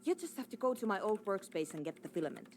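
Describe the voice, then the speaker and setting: An actress playing a proud, exasperated programmer in a video game, curt, insistent and defensive. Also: female voice, medium pitch, sing-song, quick pace, a little hiss or hum, close to an everyday voice. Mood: guarded, brusque. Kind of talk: scripted video game dialogue.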